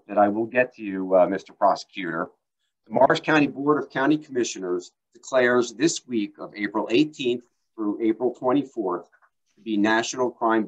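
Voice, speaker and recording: A man in a county leadership role delivers measured, prepared ceremonial remarks in a fairly low voice. The sound comes through a muffled video-call connection. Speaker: county board director.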